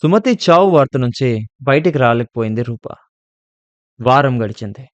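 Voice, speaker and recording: A man narrating a scripted horror story in a steady, measured way. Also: medium pitch, no echo, lo-fi sound.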